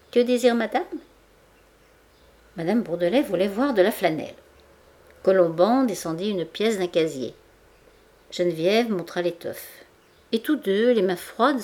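Brief: woman audiobook reader, measured and expressive, mid-range voice, scripted narration. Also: medium pitch.

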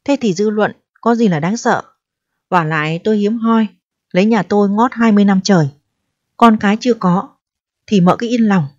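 A woman's voice: medium pitch, normal speed, no echo, natural voice. A woman reading the lines of a much older married man who placates and lectures in a storybook reading. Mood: placating. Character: older married man, forty years her senior, persuasive. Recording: dull, dry audio.

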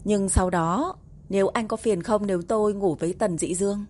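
A woman's voice: medium pitch, moderate pace, a little mellow, close to an everyday voice. A woman reading a teasing young wife. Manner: playful, teasing.

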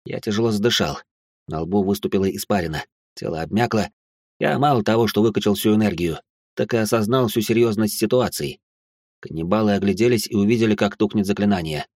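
A man narrating a first-person audiobook in a steady, tense way. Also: on the low side, fairly quick, dry recording, clean studio sound.

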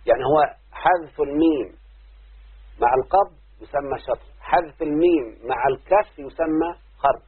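An Egyptian man leads a class on poetic metre, going step by step and checking that his students follow. His voice is somewhat high and very husky. The recording is thin and phone-like. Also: moderate pace. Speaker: teacher of Arabic prosody. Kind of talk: classroom lesson.

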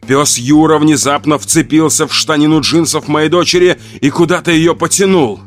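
A man's voice: a little high, moderate pace, faint music behind. A man reading a first-person horror audiobook in a somber, tense storytelling manner. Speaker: audiobook narrator.

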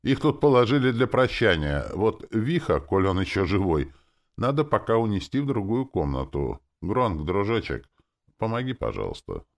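A man's voice: on the low side, very animated, pitched above the performer's own voice. A man voicing a bossy, cooing elf woman. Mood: commanding. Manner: brisk, giving orders, then cooing.

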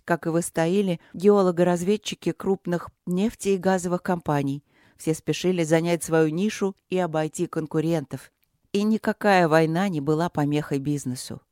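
Measured audiobook narrator, dry close sound. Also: medium pitch, no room sound. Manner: even, measured reading.

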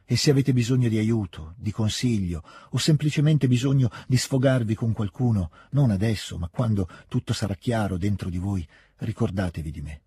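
A man reading the lines of a kind, shy nobleman who speaks gently and tenderly, a little halting. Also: on the low side, husky, no echo. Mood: gentle, tender.

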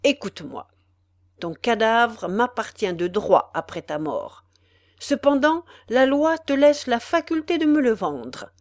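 A woman reader puts on the voice of a greedy male executioner who haggles with haughty relish, his voice leaping high and loud. She's very animated yet unhurried, and the sound is dry and close with no room sound.

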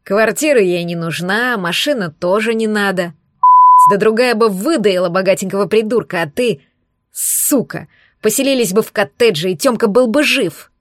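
A woman voicing a drunk, crude husband who slurs, shouts and sneers in an audiobook reading. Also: mid-range voice, moderate pace, no echo, close to an everyday voice. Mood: drunk, abusive. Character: drunk crude bullying husband, adult man.

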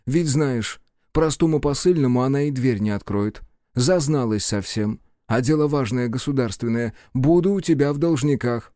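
A man's voice: medium pitch, normal speed, warm tone, no echo, clean studio sound, pitched above the performer's own voice, natural voice. A man voicing a fussy, ceremonious middle-aged town official who talks politely and pleads. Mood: fussy, pleading.

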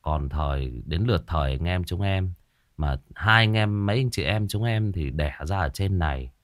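Deep-voiced Vietnamese man chatting reflectively. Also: normal speed, dry recording, studio quality. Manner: chatty, animated when reminiscing, many repetitions. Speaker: ghost story podcast host. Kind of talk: casual reflective storytelling to listeners.

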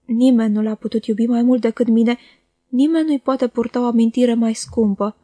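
A woman reader voicing an earnest young man in grief, pleading with quiet seriousness in an audiobook. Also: on the high side, fairly even intonation, no room sound, clean studio sound, natural voice. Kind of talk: audiobook character voice.

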